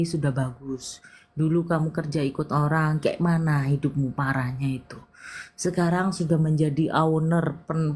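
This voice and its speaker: A woman's voice: low voice, a little mellow, slight background noise. A woman palm reader giving a live-stream reading, talking intimately and emphatically, calling the listener "dear". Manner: intimate, calls the listener "sayang"; direct, emphatic counseling.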